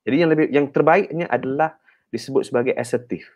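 Fast-talking Malaysian man, counselor guest. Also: medium pitch. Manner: animated teacher-like explaining with many "ha" and "kan" tags. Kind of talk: radio talk, explaining.

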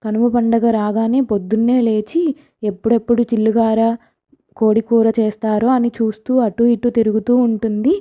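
Woman telling a village ghost story, calm, barely moves in pitch. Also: moderate pace. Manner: calm, even, matter-of-fact. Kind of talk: storytelling narration.

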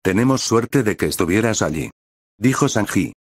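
A man narrating a fan story in an even, steady reading, voicing every character the same way. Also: on the low side, normal speed, no echo, studio quality.

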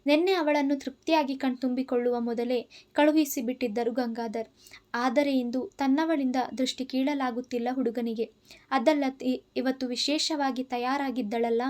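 High-voiced woman reading a love story. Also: a little mellow. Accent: Kannada. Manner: reads every character's lines in her own voice. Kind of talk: scripted audiobook narration.

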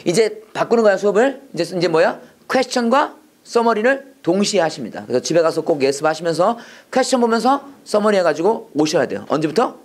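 A man teaching a preachy Bible English lesson to a class, animated and leading call-and-response while mixing English and Korean. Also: high voice, a little fast.

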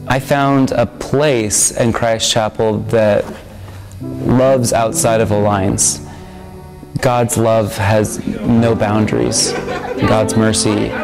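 Earnest young man over soft music. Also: fairly low pitch, poor audio. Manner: earnest, reflective, with frequent ums. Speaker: student member of a campus ministry. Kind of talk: interview testimonial. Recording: music bed under the voice.

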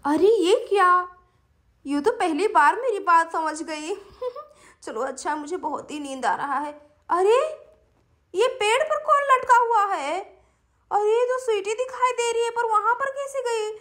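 A lively young woman chatters and scolds in a busy, animated way, as a woman plays her. Her voice sits very high. She is a character in a children's doll story. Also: a little slow, full character voice.

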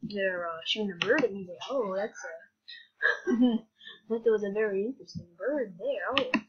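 A woman's voice: mid-range voice, a little slow, a little hiss or hum. A young woman chatting casually in a rambling vlog, giggling often with a scattered, offhand manner. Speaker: vlogger. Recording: dull lo-fi sound.

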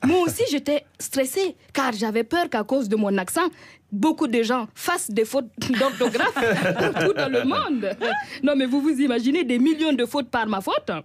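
A woman telling a comic story in a radio studio as a columnist, lively and self-mocking. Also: fairly high pitch, breathy edge, no room sound.

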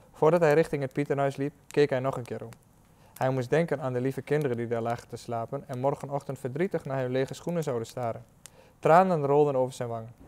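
A man reading a children's story aloud in a gentle storybook manner, asking wondering questions along the way. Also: mid-range voice.

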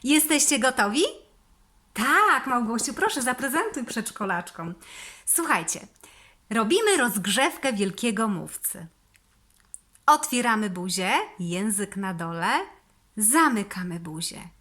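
A woman with a Polish accent leading preschool children through speech therapy exercises, giving slow, sing-song, encouraging instructions. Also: on the high side, expressive, sharp tone. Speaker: preschool teacher.

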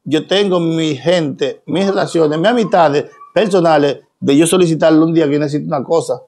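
A man's voice: a little high, normal speed, a little mellow. Emphatic Dominican man preaching to camera. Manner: emphatic, preachy, rhetorical questions. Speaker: social media personality. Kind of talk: direct-to-camera monologue.

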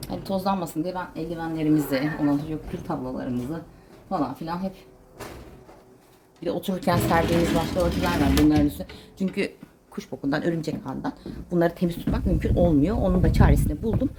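A woman's voice: deep voice, quick pace, heavy background noise. A woman vlogging casually as she cleans and gardens, chatting to her viewers, her pets and her plants. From Turkey. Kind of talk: casual chat while doing chores. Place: home and garden.

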